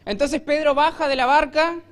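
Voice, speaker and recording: Rioplatense male pastor, high-pitched, lively storytelling sermon. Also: moderate pace. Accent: Rioplatense Spanish. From Argentina. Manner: storytelling preacher, acts out voices with shouts. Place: church.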